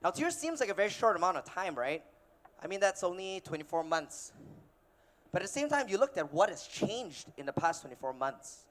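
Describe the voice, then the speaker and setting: A man in his thirties from Malaysia, giving a casual, energetic keynote on a conference stage with filler words and restarts. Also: high voice, a little fast. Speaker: keynote speaker, investor. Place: conference stage before an audience.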